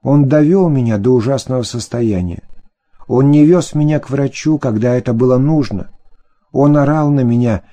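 A man reading a first-person novel aloud with expressive, dramatic narration. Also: medium pitch, normal speed. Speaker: audiobook narrator.

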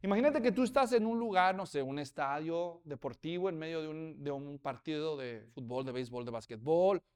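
A man's voice: on the high side, brisk, darkish tone, smooth. A man preaching a sermon as pastor, telling stories with humor and rhetorical questions to the congregation.

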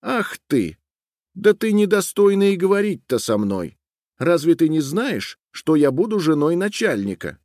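A man voicing a haughty, rude young woman who scornfully shouts people away. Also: mid-range voice, expressive, a little slow, few pauses, no room sound, clean studio sound, voice pushed up, lightly acted.

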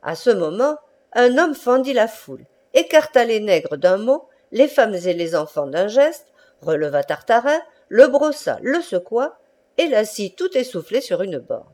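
A woman narrates a classic novel as an audiobook reader. Her storytelling is measured and expressive, with a warm, mellow tone. She is recorded close to the microphone. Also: a little high.

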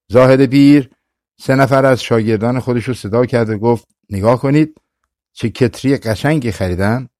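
Calm male storyteller, dry close sound. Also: on the low side, dry recording. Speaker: audiobook narrator. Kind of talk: scripted narration.

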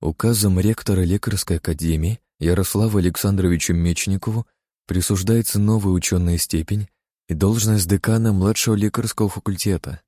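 A man reading first-person fiction as an audiobook narrator, steady in narration and livelier in dialogue. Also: low-pitched, dry recording, clean studio sound.

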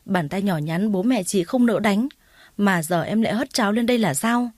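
A sly, jealous young woman from a storybook, sharp and taunting with a false, whiny edge, as a female narrator reads her lines. The voice sits at a medium height and sounds close and dry, with no room around it. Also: mid-range voice, lively intonation, normal speed, dry recording, close to an everyday voice. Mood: fake crying. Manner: sharp, taunting, then whiny fake sobbing.

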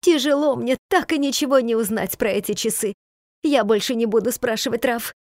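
A woman's voice: medium pitch, expressive, moderate pace, a little mellow, no echo, clean studio sound, natural voice. A woman voicing an emotional, outspoken peasant wife who talks in a raised, pleading, reproachful way. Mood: agitated.

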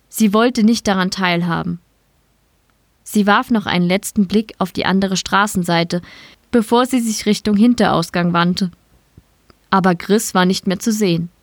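A woman reading a short story aloud in calm, measured scripted narration. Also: mid-range voice, no echo, studio quality. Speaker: story reader.

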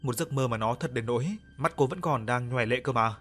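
A man narrating an audio ghost story in a calm, even reading voice. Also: medium pitch, fairly quick. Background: soft background music.

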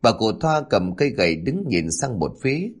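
Low-voiced male storyteller. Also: big pitch swings, normal speed. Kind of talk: scripted story narration. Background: faint background music.

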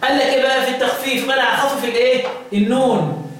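A man with an Egyptian Arabic accent teaching the Quranic readings, quizzing his students and chanting verses slowly. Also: very high voice, fairly even intonation, fairly bright tone. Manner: quizzing students with repeated questions. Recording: echoey room, distant mic, faint noise.

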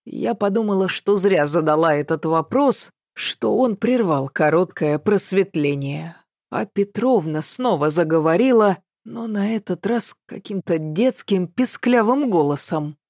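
Woman narrating, low and dry. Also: expressive, measured pace, a little mellow, no room sound. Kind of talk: audiobook narration.

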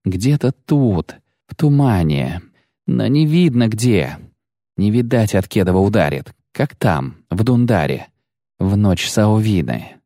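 A man reading aloud, voicing an old, superstitious male tracker who talks slowly and uneasily in a rustic way. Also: on the low side, big pitch swings, mellow, no echo, clean studio sound, heavily acted. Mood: fearful.

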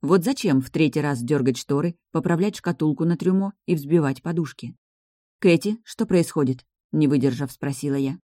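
Mellow audiobook narrator. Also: mid-range voice, brisk, few pauses, no echo, clean studio sound. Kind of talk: first-person fantasy novel narration.

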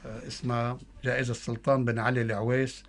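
A man's voice: medium pitch, level tone, rapid-fire, vocal fry. Man, Syrian Arabic accent, interview guest, mixed formal and colloquial register. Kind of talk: interview answers, mixing formal and colloquial speech.

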